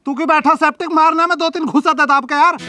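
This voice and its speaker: Actor as an earnest village lad in love, blunt and pleading, high voice. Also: male voice, fairly even intonation, fast talker. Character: earnest young village man, lovesick. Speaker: creator and lead of the sketch. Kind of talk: village comedy sketch acting. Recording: music underneath.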